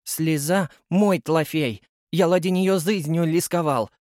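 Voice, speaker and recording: A man's voice: high voice, normal speed, warm tone, no echo, studio quality, pitched above the performer's own voice, close to an everyday voice. A man voicing a small, stubborn boy who talks with a childish lisp. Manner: lisping, childish.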